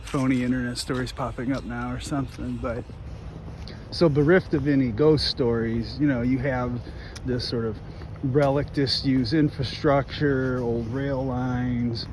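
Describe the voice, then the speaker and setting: A man's voice: mid-range voice, steady tone, unhurried. A man walking an outdoor trail and talking casually for his vlog, out of breath, thoughtful and rambling. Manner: musing, soft-spoken to wildlife. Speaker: vlogger. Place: outdoors on a trail, urban edge. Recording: faint outdoor noise, traffic.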